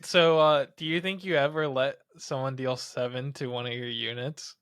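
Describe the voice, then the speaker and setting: A man's voice: mid-range voice, steady tone, normal speed, a bit bright, smooth, no echo, clean studio sound. A man co-hosting a casual card game podcast, thinking aloud and floating ideas. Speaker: podcast co-host. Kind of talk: casual chat.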